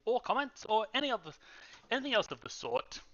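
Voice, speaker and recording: Male podcast co-host, higher voice, emphatic, lo-fi recording. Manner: animated, emphatic, quick bursts. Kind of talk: casual chat. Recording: dull lo-fi audio.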